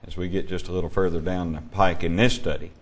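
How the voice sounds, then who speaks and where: A man teaching a Bible class, emphatic and measured, putting questions to his students. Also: sits low, level tone.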